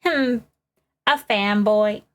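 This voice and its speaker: A woman's voice: medium pitch, drawn-out words. A woman voicing a cranky, gossipy old woman security guard in a scolding old-lady drawl, reading game dialogue aloud. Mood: grumbling.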